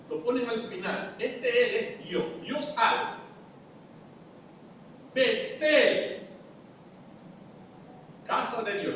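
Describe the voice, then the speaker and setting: A man's voice: very high-pitched, fairly bright tone, recorded from a distance, a little hiss or hum. A man preaching a Bible study in church, explaining step by step and checking whether the audience follows. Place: church hall. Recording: echoey church hall, voice from afar.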